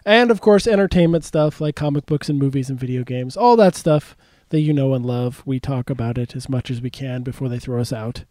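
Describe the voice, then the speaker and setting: A man hosting a casual radio talk show from a studio, chatty and quick to laugh. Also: medium pitch, darkish tone, no room sound. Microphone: studio mic with headphones.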